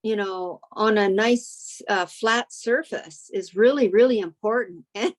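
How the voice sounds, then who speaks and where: In an unhurried, mid-range voice, a co-host offers her friend friendly step-by-step guidance during casual conversation. Likes and ums crop up constantly as she talks.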